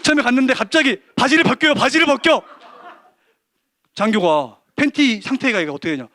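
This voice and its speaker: Fast, high-voiced man telling a story. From Korea. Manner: animated storytelling with quoted dialogue. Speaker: church deacon giving testimony. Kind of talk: testimony talk at a church service.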